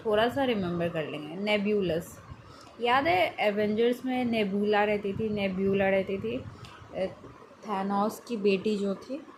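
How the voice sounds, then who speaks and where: Woman vocab teacher, casual and repetitive, noisy background. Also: medium pitch. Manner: chatty, repeats words as memory aids. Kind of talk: casual explanatory lesson. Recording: steady background noise.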